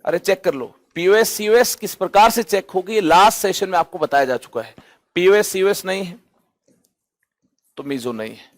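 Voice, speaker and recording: A man's voice: high voice, animated, moderate pace. A man teaching chemistry, asking rhetorical questions and answering them himself, stretching out key terms for emphasis. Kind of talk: online lecture.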